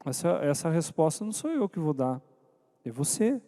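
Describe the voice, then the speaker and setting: A man speaks to couples at a church meeting, his voice sitting high for a man. He draws the audience in with questions and calls on listeners by name. His words ring out with a long reverb through a church hall. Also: very animated, moderate pace, dark tone. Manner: engages the audience, asking questions and calling on people by name. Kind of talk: interactive church talk to couples.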